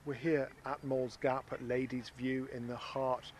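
A man's voice: medium pitch, level tone, a little slow, a little mellow. An Irish-accented man doing casual interviews on location as a roving radio reporter. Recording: faint outdoor background noise.

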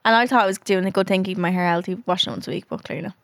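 A woman's voice: on the low side, steady tone, rapid-fire, fairly bright tone, no room sound, studio quality. A woman with a Dublin accent chatting casually and frankly as a podcast co-host. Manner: frank, sweary. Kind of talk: casual chat.

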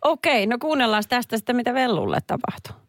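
Woman radio host, bouncy pitch, playful and teasing, dry close mic. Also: sing-song, no room sound. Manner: playful, teasing, laughs a lot. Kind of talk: casual radio chat.

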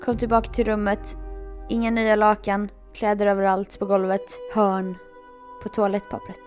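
A woman telling a story in casual chat, animated and laughing often. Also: mid-range voice, faint music behind.

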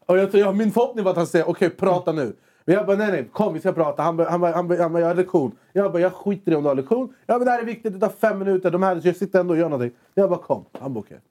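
A young man co-hosting a casual chat, telling a story animatedly and acting out both sides of a conversation. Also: high voice. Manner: animated, quotes himself and others in quick bursts. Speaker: podcast co-host.

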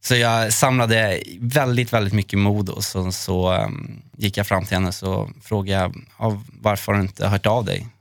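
A man hosting a podcast, telling a personal memory in an earnest, halting way with many fillers. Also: on the low side, fairly even intonation, creaky, dry recording, clean studio sound. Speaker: podcast host. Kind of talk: personal storytelling in a chat.

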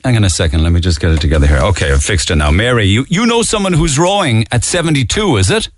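A man's voice: fairly low pitch, sing-song, quick pace. A man with a Cork Irish accent, hosting a radio phone-in in a casual, conversational way.

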